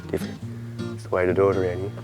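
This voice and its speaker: A man's voice: low voice, little pitch movement, very fast. A man with a broad New Zealand accent chatting casually outdoors on a hunt, in laid-back rural slang and short phrases. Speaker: local pig hunter and guide. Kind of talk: casual chat while hunting. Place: outdoors in bush and grassland. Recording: music over outdoor field recording.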